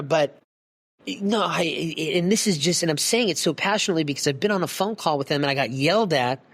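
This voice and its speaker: A man's voice: a little high, fairly bright tone. A man speaking as a guest expert on a podcast, emphatic and heated, swearing now and then for emphasis, talking over a video call. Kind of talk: passionate podcast conversation.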